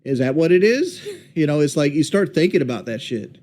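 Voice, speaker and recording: Halting man in his late thirties. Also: a little high, sing-song, darkish tone. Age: 30s. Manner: halting, candid rambling. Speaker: streamer. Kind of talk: casual voice chat.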